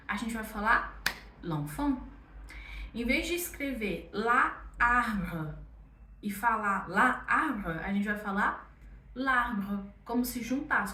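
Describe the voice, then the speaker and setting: A young woman with a Brazilian Portuguese accent gives a casual online French lesson, chatty and encouraging, checking in often with her students. Her voice sits a little high and comes from a step back from the mic. The room around her is echoey. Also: pushed and bright, recorded from a distance. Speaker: French teacher.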